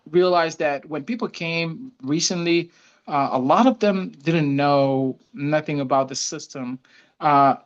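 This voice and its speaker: Man from Senegal, smooth voice, dull audio. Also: on the high side. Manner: earnest, personal, frequent fillers. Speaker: author and guest. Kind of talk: online interview.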